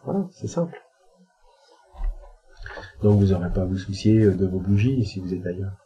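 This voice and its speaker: A man's voice: low voice, moderate pace, mellow, dull audio. A man giving a casual spiritual teaching talk, hesitant and colloquial, with frequent filler sounds. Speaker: spiritual speaker answering questions.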